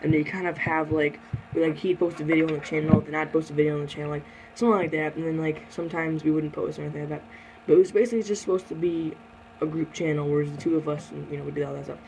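A teenage boy hosting a casual question-and-answer chat, keeping things moving in a hurried way. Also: fairly high pitch, fairly even intonation, creaky, a little mellow, a little hiss or hum, rough recording. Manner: hurried, steering the talk along. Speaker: channel host.

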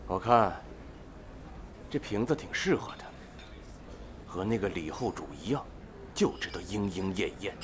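A man's voice: low-pitched, expressive, a little slow, pauses often, a little hiss or hum. An actor playing a condescending, scheming rich businessman and rival bidder in a TV drama. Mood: scornful. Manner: condescending, scornful.

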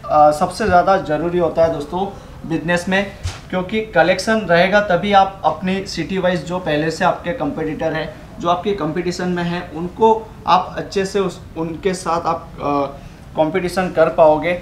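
A young man gives a product demonstration of sarees, talking about fabrics and work in a voice pitched a bit high. He sells steadily, pausing on fillers. The sound has the echo of a showroom interior and a faint hum behind it.

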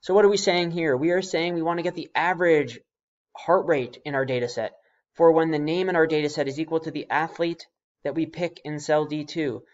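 A man's voice: on the high side, steady tone, fairly quick. Dull-sounding man dictating spreadsheet steps. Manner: spells out formulas symbol by symbol as if dictating. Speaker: spreadsheet tutorial instructor. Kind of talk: casual step-by-step software tutorial. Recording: slightly dull, lo-fi voice-over.

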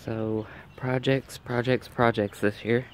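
A man's voice: mid-range voice, flat delivery, slow, slight background noise. A man with a nasal, allergy-congested voice chats casually as he films a walk through his backyard garden. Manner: chatty, thinking aloud while filming. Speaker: garden vlogger.

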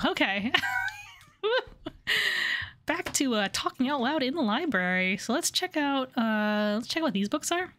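A woman's voice: high voice, fairly bright tone. A woman giving casual, playful, giggly commentary while livestreaming a game. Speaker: game streamer.

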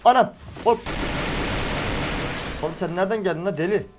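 A young man giving excitable, slangy play-by-play of a shooter game, teasing the players he beats. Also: high-pitched, moderate pace. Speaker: gaming streamer. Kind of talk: live gameplay commentary. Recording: game music and gunfire behind.

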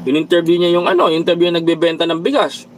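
Speaking rapid-fire in a voice on the high side, a man from the Philippines hosts a casual political livestream. He preaches, reads viewer comments, drops in English phrases and keeps addressing his audience as brothers and countrymen, all on a low-quality recording with a little hiss or hum.

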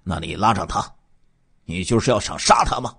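A stern male police interrogator, voiced by the storyteller himself asks blunt, pointed questions. His voice sits a little low and sounds husky, flat and businesslike in this dramatized crime tale. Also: normal speed, heavily acted.

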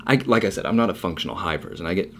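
A man's voice: low-pitched, lively intonation, rapid-fire, a little hiss or hum. A young man co-hosting a casual podcast, telling a long story loosely with many fillers. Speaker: podcast co-host. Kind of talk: casual chat.

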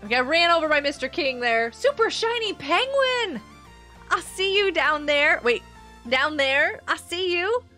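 Faint music plays behind this homeschooling parent and livestream host, a middle-aged woman whose high-pitched voice sounds sing-song, bright, and forceful. Unhurried, she chats and laughs into her headset mic during a game stream, calling out viewers by name.

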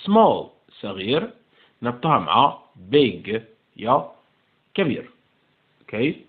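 An Algerian man walks middle school pupils through an English exam, spelling out each English line slowly before putting it into Arabic. His pitch swings widely from word to word. The recording is narrow and tinny, close to a phone line. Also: very animated. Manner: reads English slowly, then translates into Arabic. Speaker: English teacher.

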